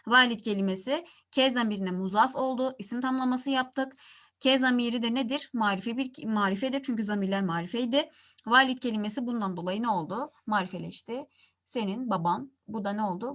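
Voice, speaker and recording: A woman teaching an Arabic grammar lesson in Turkish, who asks her students questions and answers them herself, and slows down to pronounce each example word. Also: mid-range voice.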